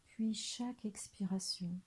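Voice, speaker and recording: With long pauses and a gentle, soothing manner, a female meditation guide takes listeners through a body scan. Her mid-range voice stays soft and breathy, hovering near a whisper.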